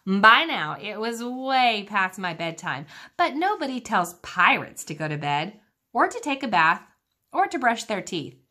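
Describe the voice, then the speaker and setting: A woman's voice: medium pitch, sing-song, a little slow, pushed and bright. A woman teacher reading a children's book aloud, engaging her young listeners with questions about the pictures.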